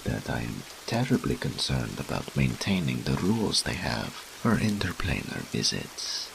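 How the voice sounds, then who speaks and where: In a slow, heavily acted intimate roleplay aimed straight at the listener, an ancient seductive incubus speaks with an extremely low, deeply gravelly voice. Teasing and pompous, he swings dramatically in pitch as he boasts, against a noisy background.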